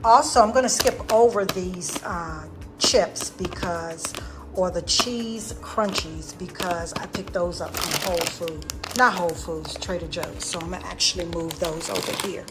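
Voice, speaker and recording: A woman's voice: fairly low pitch, a little slow, over loud music. A woman chatting casually at home, showing her groceries and often correcting herself. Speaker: vlogger showing a grocery haul. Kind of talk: casual chat. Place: home, at a dining table.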